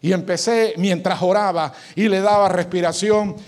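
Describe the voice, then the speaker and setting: A man preaching a sermon as pastor, leading shouted call-and-response lines and then telling a story. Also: high-pitched, fairly even intonation, normal speed.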